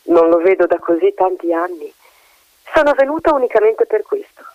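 Brief: gossipy she-magpie, a man doing her, high and sing-song, storybook, dull lo-fi recording. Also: animated, normal speed, no echo. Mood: chatty. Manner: talkative, insinuating. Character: chatty female magpie, gossipy and ominous. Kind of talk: storybook reading.

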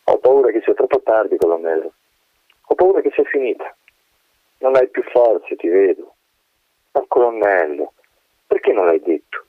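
A man's voice: on the low side, expressive, moderate pace, pauses often, no room sound. A man voicing the wind, a loyal old male spirit, in a radio drama reading, speaking in a pleading, tender and insistent way. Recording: tinny phone-like radio sound.

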